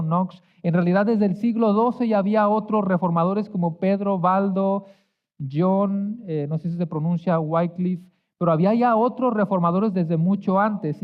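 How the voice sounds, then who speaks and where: A man preaching a sermon as pastor, earnest and drawing out key words, with some restarts. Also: high voice. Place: church sanctuary. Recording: echoey hall, tinny phone-like sound.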